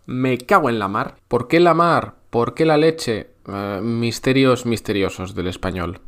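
A man from Spain hosting a podcast lesson for learners of his language, explaining clearly with playful, dry jokes. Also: mid-range voice, unhurried, fairly bright tone. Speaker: podcast host teaching Spanish. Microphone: podcast microphone.

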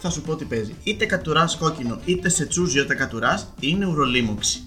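A man's voice: fairly high pitch, animated, bright, forceful tone, faint music behind. A young man co-hosting a casual podcast, teasing his friends and laughing often. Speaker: podcast co-host. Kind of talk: casual chat.

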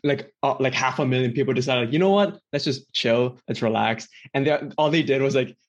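With highs cut off in the audio, a medium-pitched young man from Indonesia talks a little fast as a podcast co-host. His casual storytelling meanders, stuffed with "like," and he frequently breaks into laughter.

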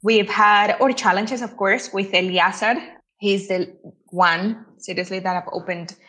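A woman from El Salvador speaks in a relaxed interview. She talks freely and fills her sentences with "you know". Her voice sits at an ordinary middle pitch. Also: measured pace. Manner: chatty, many "you know" fillers. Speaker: guest. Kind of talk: casual interview talk.

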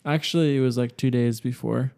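A man's voice: mid-range voice, fairly even intonation, fairly quick, vocal fry, darkish tone. A man co-hosting a podcast, chatting casually in a rambling, hesitant, speculative way. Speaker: podcast co-host. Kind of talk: casual chat.

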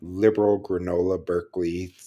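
A man with a low, mellow voice co-hosts a casual podcast chat. He talks in a thoughtful, rambling way, peppered with "like" and the odd dry, sarcastic aside. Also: flat delivery, moderate pace, highs cut off. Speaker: podcast co-host.

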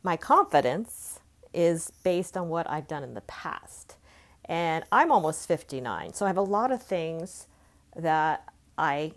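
A woman's voice: sits low, big pitch swings, a little slow. A woman in her fifties from California, talking earnestly and conversationally as she reflects aloud in a personal vlog. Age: 50s. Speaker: self-help vlogger.

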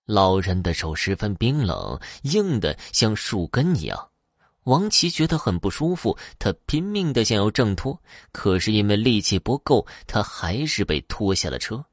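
A man with a low voice reading a ghost story aloud in a dramatic style. His intonation rises and falls a lot to build suspense. The recording is close and dry, with no room sound. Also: sing-song, moderate pace, no echo. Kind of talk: scripted ghost story narration.

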